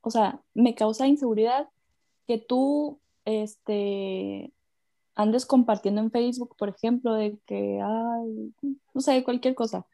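A woman's voice: fairly high pitch, slow pace, creaky, mellow. A woman in a casual chat, reflective and a bit hesitant with fillers.

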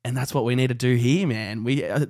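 A man's voice: medium pitch, brisk, darkish tone. Swearing Australian man chatting. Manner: blunt, heavy swearing, rowdy. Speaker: podcast host. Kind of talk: casual chat.

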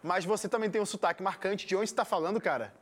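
Presenting a music show in a chatty way, this Carioca-accented man from Rio de Janeiro speaks Brazilian Portuguese in a high-sitting voice at a quick pace.

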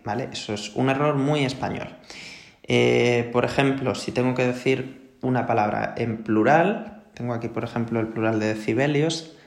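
A man's voice: medium pitch, gravelly, roomy sound. A man with a Spanish accent from Spain, teaching an English pronunciation lesson in a patient, explanatory way and checking in often with his students. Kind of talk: recorded classroom lesson.

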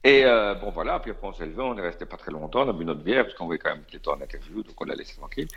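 A Belgian man with a Belgian French accent tells a casual story as a radio guest, chatty and full of asides. His voice sits low with a gravelly edge. The recording sounds slightly dull. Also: very fast. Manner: chatty, animated, many fillers and asides. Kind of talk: casual anecdote telling.

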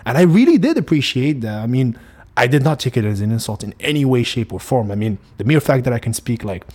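A very animated young man from Morocco hosts a casual podcast on his own, talking fast in a mid-range, slightly mellow voice. Arabic is his native language and he speaks with a Moroccan accent. His delivery rambles, packed with restarts and fillers.

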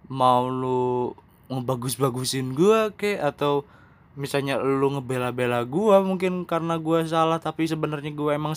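A young man hosting his own podcast, talking candidly and rambling, now calm, now emphatic and self-mocking. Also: on the high side. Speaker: podcast host. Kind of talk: casual solo podcast monologue.

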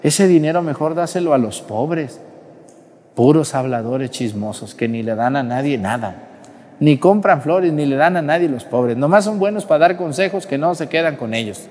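A man's voice: medium pitch, moderate pace, a little mellow. A Mexican priest preaching a sermon, scolding and mocking as he acts out little scenes for his parish. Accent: Mexican Spanish. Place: church. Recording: echoey church with long reverb.

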